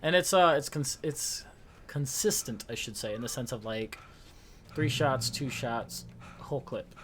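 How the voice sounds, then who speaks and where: A man's voice: mid-range voice, a little slow. Rambling young man at his game. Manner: rambling, self-mocking, jumps to loud outbursts. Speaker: gaming YouTuber. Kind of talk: casual let's-play commentary. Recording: steady noise under the voice.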